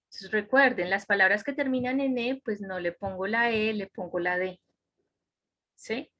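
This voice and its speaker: Over a computer microphone on a video call, a woman with a mid-range, slightly bright voice teaches an online English grammar class at normal speed. She explains things step by step and checks in with her students.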